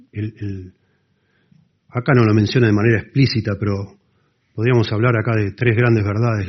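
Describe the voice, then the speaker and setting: A man preaching a sermon, explaining scripture earnestly and dropping to soft emphasis. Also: on the low side, husky. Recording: dull lo-fi sound.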